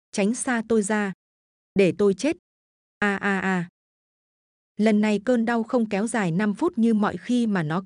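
A woman's voice: medium pitch, dark tone, dry recording, studio quality. Woman narrating a ghost story.

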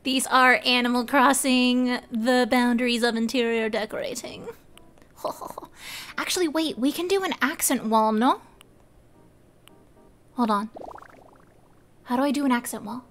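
Giggly high-voiced woman streamer. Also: measured pace, pauses often, fairly bright tone. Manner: giggly, chatty, talks to chat. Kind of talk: casual live game commentary.

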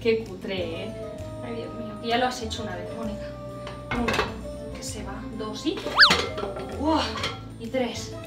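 A woman with a Spanish accent from Spain, chatting excitably to viewers while cooking in her kitchen. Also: on the high side, unhurried, pauses often, far from the mic. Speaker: cooking vlogger. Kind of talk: casual cooking demonstration. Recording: echoey kitchen with music behind.

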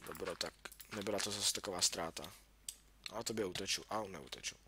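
A young man with a deep voice, a gaming YouTuber, casually narrates his own let's-play, chatting to himself and yelping when something startles him. Keyboard and mouse clicks sound clearly beneath his voice, and the background is noisy.

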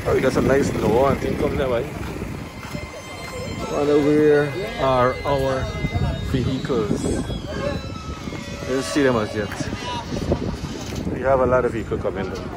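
A man's voice: mid-range voice, huge pitch swings, measured pace, pauses often. A middle-aged man with a Guyanese accent giving chatty, upbeat vlog commentary while filming on a phone held at arm's length outside a busy wharf. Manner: chatty, upbeat, Creole-tinged phrasing. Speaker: vlogger. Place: busy outdoor wharf street with trucks. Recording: outdoor street noise behind.

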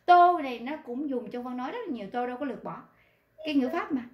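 High-voiced teacher. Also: female voice, animated, darkish tone. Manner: patient, repeats words slowly to model them. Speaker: Korean language teacher. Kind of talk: explaining pronunciation in an online class. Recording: roomy echo.

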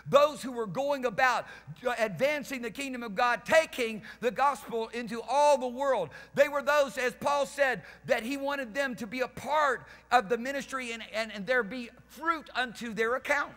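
On a church hall stage cluttered with band gear, a fifty-something pastor preaches with fervor to the congregation in front of him, pacing and gesturing into a headset mic. His voice is very high-pitched and a little bright, delivered at a normal speed, and long reverb fills the hall.

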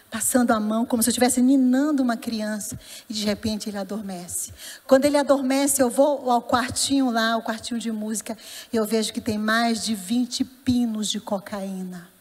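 A woman with a Brazilian Portuguese accent giving an impassioned personal testimony at a church service, telling her story dramatically and sometimes dropping to a hush. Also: a little high. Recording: long church hall reverb.

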